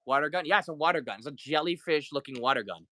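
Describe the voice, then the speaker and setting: A man's voice: a little high, expressive, fast, bright, forceful tone, dry recording. A man hosting a casual live toy sale, chatty and sick with the flu, greeting viewers and counting down offers. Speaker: livestream toy seller. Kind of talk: casual live-selling chat.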